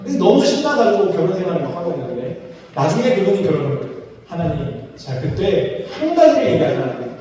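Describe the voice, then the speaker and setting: High-voiced pastor preaching in an echoey hall. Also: male voice, wildly swooping pitch, fast, warm tone, slight background noise. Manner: conversational preaching, acts out quoted dialogue. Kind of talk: sermon. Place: church sanctuary. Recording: echoey church hall, mic from far off.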